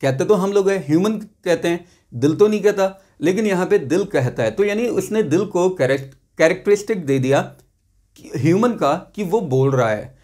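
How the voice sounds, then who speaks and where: A male teacher giving a chatty lesson, reading example sentences slowly and explaining them briskly with joking asides. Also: high-pitched, animated, a little mellow. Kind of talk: classroom lesson explaining poetry terms.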